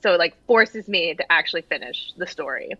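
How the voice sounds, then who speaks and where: Young woman, bright edgy voice, casual interview guest, halting, self-deprecating, dry slightly muffled video-call sound. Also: fairly low pitch, expressive, dry recording. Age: young adult. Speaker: guest playwright. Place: small room at home, indoors. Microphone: computer mic on a video call.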